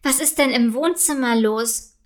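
A woman's voice: high voice, a little slow. A woman voicing a stern but fair mother who scolds with exasperation.

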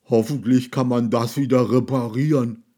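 A man voicing a huge, grumpy male garbage monster in a children's story, with a deep voice and a slow, bewildered way of speaking. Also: animated, warm tone, breathy edge, exaggerated voice. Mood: dismayed.

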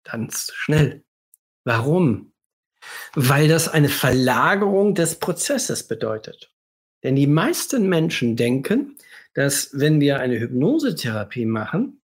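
On a livestream, a hypnotherapist with a slightly high, husky, scratchy voice, somewhat under the weather, gives an emphatic explanatory monologue. He lingers on key phrases and tosses out rhetorical questions.

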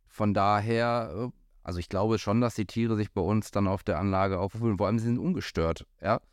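A man's voice: fairly low pitch, fairly even intonation, brisk, smooth, dry recording, clean studio sound. A man talking as a golf pro in a casual podcast chat, hesitant, with many fillers and restarts. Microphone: studio microphone.

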